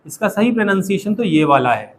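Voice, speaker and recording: High-voiced Indian English teacher. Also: male voice, sing-song, fairly quick, slight background noise. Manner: asks the class questions and has them repeat. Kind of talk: classroom teaching.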